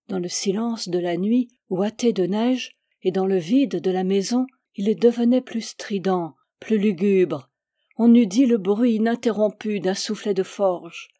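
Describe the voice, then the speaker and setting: Woman narrator, measured literary audiobook reading, warm and dry. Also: mid-range voice, dry recording. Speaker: reader.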